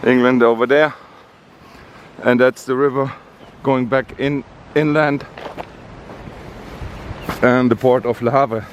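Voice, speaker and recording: Male travel vlogger, unhurried and halting with fillers, outdoors with faint noise behind. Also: medium pitch, fairly even intonation, dull audio. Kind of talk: casual vlog narration. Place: outdoors on a rainy coast.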